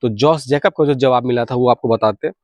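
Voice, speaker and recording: Speaking fast in a slightly mellow, mid-range voice, this Indian-accented channel host shares radio hobby news in a casual update. He explains points and frequently restates them differently. There's hardly any room in the dry recording.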